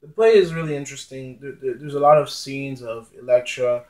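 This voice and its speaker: A man's voice: mid-range voice, fairly quick, reverberant, low-quality recording. A man casually retelling and explaining a classic play, hesitating often with ums and restarting his sentences. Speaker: literature explainer. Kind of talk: casual spoken play summary.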